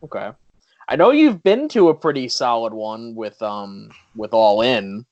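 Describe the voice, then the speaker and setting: A man's voice: mid-range voice, animated, measured pace, a little mellow, dry recording. A man hosting a podcast in casual chat, joking around and laughing often. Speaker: podcast host. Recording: dull lo-fi audio.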